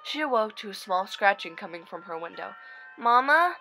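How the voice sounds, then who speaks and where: A woman's voice: medium pitch, fairly quick, vocal fry, a bit bright, soft background music. A woman narrating a scripted horror story. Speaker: narrator of online horror stories.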